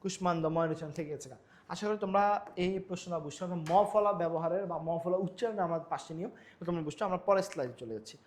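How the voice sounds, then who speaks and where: A man's voice: sits high, rapid-fire, slight background noise. A young man teaching a grammar lesson over slides, asking himself questions and repeating each rule. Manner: repetitive, quizzing himself with rhetorical questions. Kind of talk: exam-prep lecture over slides.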